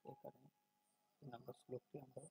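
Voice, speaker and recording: A man teaching Sanskrit pronunciation, explaining in plain talk and then chanting words slowly and loudly. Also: medium pitch, monotone, gravelly, breathy edge, poor audio. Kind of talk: spoken lesson on verse pronunciation.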